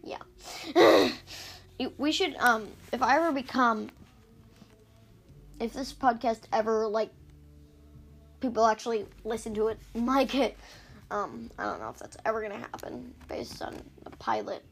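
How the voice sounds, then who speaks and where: Chatty woman podcasting off an ipad, highish voice with lots of vocal fry, keeps cutting herself off and giggling. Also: a little slow, pauses often. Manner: rambling, self-interrupting, giggly asides. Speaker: podcast host recapping books. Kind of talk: casual chat.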